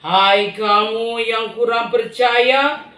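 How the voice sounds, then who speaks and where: A woman voicing a calm, commanding holy teacher in a children's Bible story, speaking slowly and solemnly. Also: fairly high pitch, recorded from a distance. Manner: slow, solemn, reassuring. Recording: echoey room.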